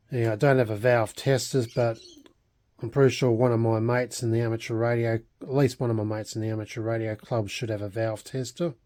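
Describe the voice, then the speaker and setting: The voice is medium in pitch with a darkish tone, belonging to an Australian-accented hobbyist vlogger. His unscripted show-and-tell is casual, hesitant, and meandering, with thoughts that tend to trail off.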